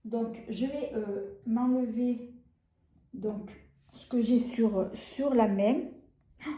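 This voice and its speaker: A French woman showing makeup on camera, gushing about each product and filling pauses with hesitations and repeated words. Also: a little high, dark tone. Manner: gushing, enthusiastic over products. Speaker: beauty vlogger. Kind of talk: casual product demo. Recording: echoey room.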